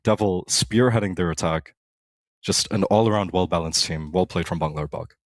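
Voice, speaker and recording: A man's voice: deep voice, normal speed, no echo. A man giving esports color commentary, fluent and full of enthusiastic praise for the players. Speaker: esports caster.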